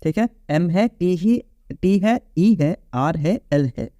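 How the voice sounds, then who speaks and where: Mellow-voiced teacher, patient. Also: male voice, high voice, expressive, takes it slowly, dry recording, studio quality. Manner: explains patiently, asks the class questions; mixes English phrases into Hindi. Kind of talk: online phonetics lecture.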